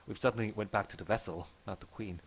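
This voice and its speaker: A man's voice: on the low side, steady tone, quick pace, a little hiss or hum. A man giving casual, musing gameplay commentary, somewhat hesitant. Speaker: game commentator. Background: faint game music.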